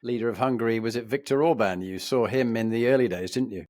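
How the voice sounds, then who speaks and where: A man's voice: medium pitch, a little mellow, dry recording. Formal male podcast host, dry sound. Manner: formal, measured, leading questions. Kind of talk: podcast interview.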